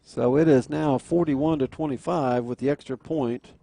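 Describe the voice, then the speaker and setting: A man's voice: medium pitch, fairly even intonation, normal speed, vocal fry, warm tone. An American man calling a football game live as the play-by-play announcer. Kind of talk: live play-by-play sports commentary.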